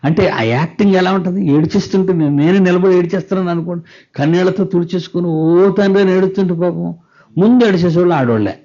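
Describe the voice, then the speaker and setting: A male pastor preaching a sermon. He often puts rhetorical questions to the congregation and reads scripture slowly and with weight. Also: sits high, warm tone, muffled recording.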